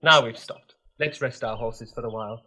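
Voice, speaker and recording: A man's voice: mid-range voice, moderate pace, sharp tone. A young man playing a kind, bored young prince in a storybook recording, wry, playful and well-spoken. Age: young adult.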